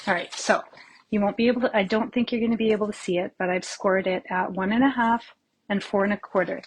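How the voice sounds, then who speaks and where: A woman's voice: medium pitch, steady tone, fast, slight background noise, low-quality recording. A woman from Canada hosting a casual live papercraft tutorial from her home craft room, chatty and rambling, greeting viewers by name and slightly out of breath.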